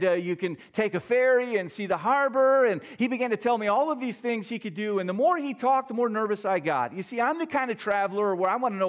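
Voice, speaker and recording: A man preaching a sermon as pastor, telling a personal story with earnest, restarting phrasing. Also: high-pitched.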